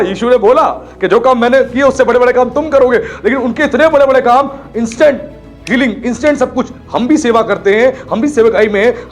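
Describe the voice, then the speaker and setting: A man preaching a sermon with passion, acting out the people he describes as he goes. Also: sits high. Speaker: pastor.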